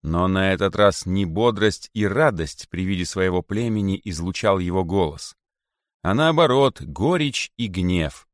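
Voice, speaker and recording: Man reading a fable out loud, swoops his pitch a lot, dry close mic. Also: unhurried, dry recording. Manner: lively, expressive storytelling. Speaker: narrator. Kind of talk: storybook reading.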